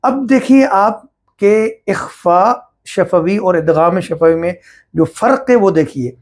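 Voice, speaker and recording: Slow, deliberate male recitation teacher. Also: high voice. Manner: slow, deliberate, explaining step by step. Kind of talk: religious lesson on recitation rules.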